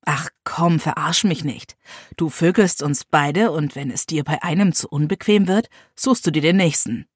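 A jealous young man, read by a woman narrator, sneers and accuses in a scornful, crude way. The voice is husky and close, in a dry storybook recording. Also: deep voice, moderate pace, no room sound.

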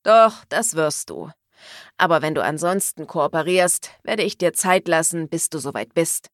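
A woman voicing a domineering, commanding man in an audiobook, speaking in a slow, low, insistent murmur. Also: animated, dry recording, clean studio sound. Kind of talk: audiobook character voice.

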